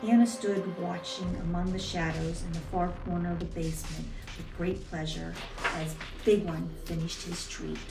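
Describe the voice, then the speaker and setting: A woman with a soft, velvety voice narrating a scripted dark short story. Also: fairly low pitch, steady tone, moderate pace, hardly any pauses. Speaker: storyteller reading own stories. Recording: roomy, distant, music behind.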